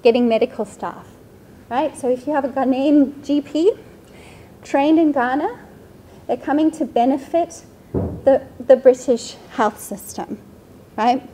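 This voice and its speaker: Seminar speaker: woman from Sweden, 30s, high voice, casual academic delivery, faint room hum. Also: measured pace, long pauses, dark tone. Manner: conversational, frequent tag "right?". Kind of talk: academic talk with slides. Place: lecture room.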